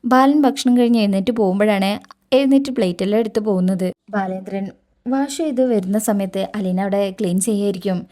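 A woman recaps a serial episode in steady, matter-of-fact narration. Her voice is mellow and dark, at an ordinary pitch. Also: a little fast.

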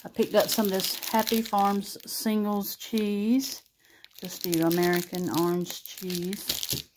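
At her kitchen table at home, a grocery haul vlogger films up close on her phone, chatting warmly as she shows off what she bought. Her mid-range voice is steady and slow, with some background noise.

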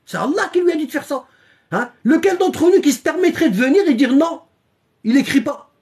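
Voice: high voice, animated, fast, darkish tone. A religious teacher giving a live-streamed lecture, repeating points emphatically, checking in with the audience, and reading passages aloud from a book. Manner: repetitive and emphatic, with constant "hein?" checks; reads and shows passages from a book.

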